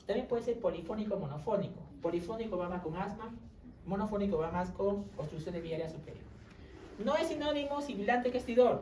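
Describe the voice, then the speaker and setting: Speaking in a mellow, mid-range voice, a woman lectures on medicine and keeps checking in with her class through brief tag questions. The audio is roomy and distant, captured in a reverberant classroom with a faint background hum.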